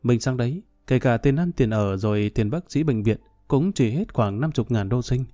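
A man's voice: medium pitch, lively intonation, normal speed, dark tone, no room sound, studio quality, faint music behind, lightly acted. A man voicing a frightened young wife who pleads anxiously in a storybook reading. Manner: worried, pleading.

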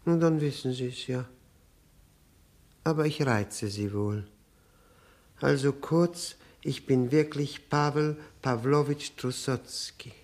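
A male actor with a mid-range, slightly mellow, lightly acted voice plays an obsequious, self-abasing widower in a 1960s German radio drama. His delivery is halting, apologetic, overly polite and evasive.

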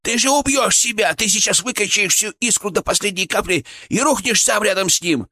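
Фырк, a man voicing a shrill panicky chipmunk. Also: a little fast, sharp tone, dry recording. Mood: pleading. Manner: high, trembling, terrified wailing. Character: panicky small male chipmunk familiar, shrill and frightened.

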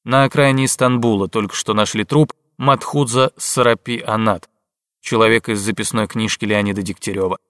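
Steady male audiobook narrator. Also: on the low side, brisk, no room sound, studio quality. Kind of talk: scripted narration.

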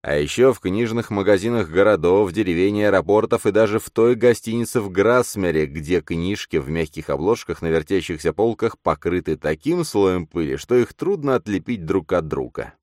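A man voicing a fond, joking adult man in an audiobook, with a lively, slightly raised delivery. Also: low-pitched, normal speed, few pauses, dry recording, clean studio sound, voice pushed up. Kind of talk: audiobook character reading.

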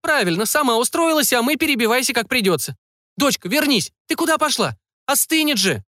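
A shrill, domineering middle-aged mother who nags and scolds, voiced by a man. Her voice is pitched very high and swings widely, recorded dry and close. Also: very animated, fairly quick, pushed and bright, dry recording, exaggerated voice. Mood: scolding.

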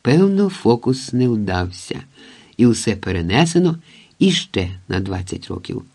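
A jovial, teasing man jokes with an easy mockery, voiced by a male audiobook reader. He sounds skeptical and amused. His voice stays in a mellow, warm register. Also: on the low side, big pitch swings, unhurried, gravelly, full character voice. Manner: joking, mildly mocking.

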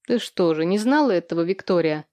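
A woman doing a calm, mocking ex-wife. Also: on the low side, fairly quick, no echo, clean studio sound, close to an everyday voice. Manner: calm, sarcastic.

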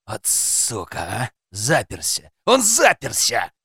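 A man's voice: a little high, expressive, normal speed, gravelly, no echo. Guy doing a rattled blunt cop, stammers, dry close sound. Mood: shouting. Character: flustered male police officer, rough and out of his depth.

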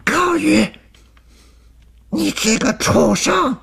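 A woman's voice: high-pitched, lively intonation, very slow, vocal fry, fairly bright tone, pitched above the performer's own voice, exaggerated voice. A man reading a story and voicing a young female student, jealous and enraged, who stammers and shrieks. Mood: furious.

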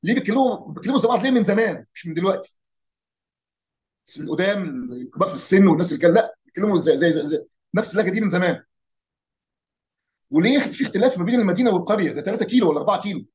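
Fast-talking Egyptian man explaining dialects. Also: high-pitched. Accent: Egyptian Arabic. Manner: animated, imitates regional pronunciations, rhetorical questions. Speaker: speaker on Arabic dialects and folk heritage. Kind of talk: casual explanatory talk.

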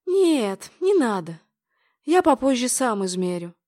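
A woman's voice: a little high, sing-song, measured pace, mellow. A woman reading an audiobook, voicing an elderly grandfather who plays down his weakness with wry, reassuring remarks. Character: elderly grandfather, frail but cheerful.

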